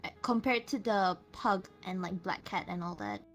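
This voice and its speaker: A woman's voice: mid-range voice, big pitch swings, normal speed, faint music behind. Hesitant woman on a choppy voice chat. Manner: soft-spoken, hesitant, many fillers and restarts. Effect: choppy online voice chat that cuts out, uneven volume. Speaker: guest streamer. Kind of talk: casual online voice chat.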